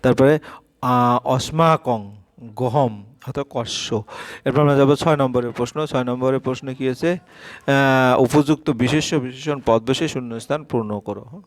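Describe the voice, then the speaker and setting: A man with a Bengali accent teaching an exam-prep lesson, reading out answers slowly with many hesitant fillers. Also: medium pitch, steady tone, no echo.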